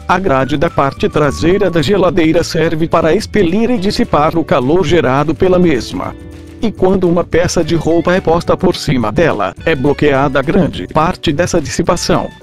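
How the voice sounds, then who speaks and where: Mad scientist with a robot voice, a man playing him, somewhat high-pitched, deadpan lecturer, light music underneath. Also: moderate pace. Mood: lecturing. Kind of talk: comedic scripted explainer.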